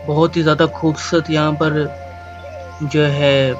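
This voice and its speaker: Male vlogger, slightly high and flat in pitch, casual channel plug with prominent music. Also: unhurried, muffled recording.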